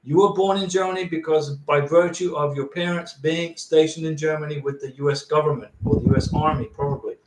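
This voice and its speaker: Viewer questions are read aloud and answered plainly by a fairly high-voiced man running a casual livestream. He talks fairly quickly with few pauses and fairly even intonation. He seems set back from the microphone in a reverberant room, and noticeable background noise makes the sound distant and roomy.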